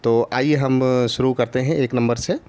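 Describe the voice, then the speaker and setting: A man teaching a Hindi lesson online to young children, patiently repeating each syllable, with many drawn-out filler pauses. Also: mid-range voice, steady tone, a little mellow. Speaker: primary school teacher.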